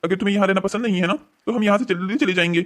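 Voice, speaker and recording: A voice actor playing a sly, smooth-talking young man in a cartoon story, coaxing and evasive. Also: medium pitch, racing, close to an everyday voice.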